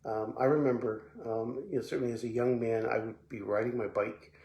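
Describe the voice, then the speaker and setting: Gravelly-voiced man giving a devotional talk. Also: medium pitch, fairly quick. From Belgium. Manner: relaxed, repeats words often, many fillers. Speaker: pastor. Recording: echoey room with faint background noise.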